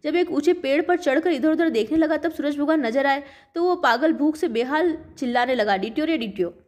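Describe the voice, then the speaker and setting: Lady telling old devotional stories, high voice, simple homely way. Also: brisk, a little mellow. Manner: plain, homely storytelling tone. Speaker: storyteller. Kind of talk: devotional folk tale narration.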